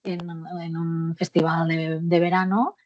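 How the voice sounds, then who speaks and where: A woman's voice: lowish voice, level tone, unhurried, muffled recording. A woman being interviewed about her own life, speaking frankly with frequent fillers and occasional laughter. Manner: warm and frank, laughs often, hesitant fillers. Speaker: guest, author of a memoir. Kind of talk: candid personal interview.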